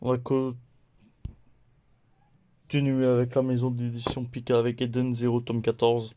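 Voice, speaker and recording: Un homme qui présente ses achats de mangas de la semaine sur un ton décontracté, en énumérant les titres un par un et en riant de ses erreurs. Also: male voice, mid-range voice, completely flat delivery, mellow, a little hiss or hum. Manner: slow, listing titles one by one; playful, laughs at own mistakes. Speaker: manga haul vlogger. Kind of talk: casual haul video chat.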